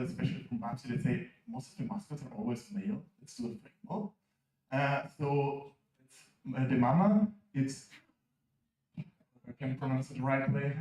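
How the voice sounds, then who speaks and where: An Italian association president with a mid-range, darkish voice and Italian accent introduces a new mascot from the stage at an assembly, joking around and stumbling over many fillers. He's in a large conference hall, and the distant mic gives an echoey, dull recording.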